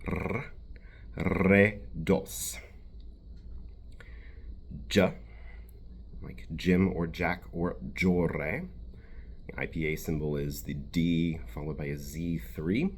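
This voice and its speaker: A man who grew up in Bulgaria, a piano teacher and vocal coach, explaining pronunciation slowly and carefully in a tutorial. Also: low-pitched, steady tone, creaky, slightly rough.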